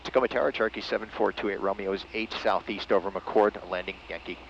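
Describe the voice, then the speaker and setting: A man's voice: on the low side, steady tone, fast talker, creaky, dull audio, noisy background. A man calling the tower as pilot from a small plane's cockpit, speaking in clipped radio phraseology through a cockpit headset. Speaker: private pilot. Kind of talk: air traffic radio calls.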